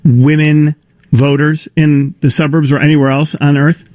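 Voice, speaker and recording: Male radio co-host, sarcastic and animated, slightly high voice, dead-dry studio. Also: normal speed, dry recording. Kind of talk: casual talk radio banter.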